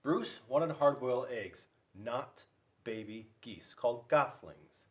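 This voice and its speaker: Speaking slowly with lively intonation at a medium pitch, a school officer gives an animated read-aloud of a picture book. He keeps it playful, addressing the children directly with questions.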